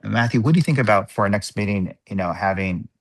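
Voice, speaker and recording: He has a lowish voice and leads an online work group meeting through a video call mic, working through his thoughts aloud in a measured, halting manner.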